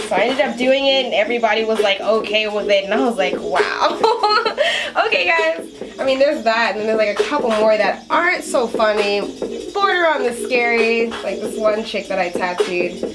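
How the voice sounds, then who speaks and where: Animated and somewhat high-pitched, a young woman around twenty speaks at a normal speed. Born in Japan and working as a tattoo artist, she answers interview questions chattily and laughs a lot. Loud music plays in the background.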